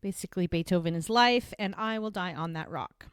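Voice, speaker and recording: A woman's voice: lowish voice, a little fast, clear, resonant tone, dry recording. Enthusiastic woman hosting a podcast. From Montana. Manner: enthusiastic, chatty. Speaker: podcast host. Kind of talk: interview podcast.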